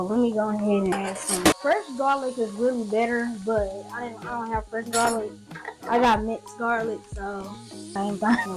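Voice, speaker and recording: A woman rambles in an easygoing, chatty way to her viewers as she cooks in her home kitchen. She sounds worn out and yawns between thoughts, speaking at an everyday middle pitch into a camera close by. Soft music plays quietly underneath. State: tired, yawning. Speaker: cooking vlogger. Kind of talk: casual cooking chat.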